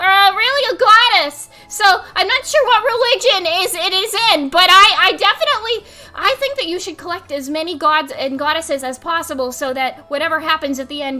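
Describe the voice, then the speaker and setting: A woman with a cute anime streamer voice, chatting excitedly to her livestream viewers in a gushing, bubbly, giggly, highly energetic way. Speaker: VTuber streamer playing a mermaid character.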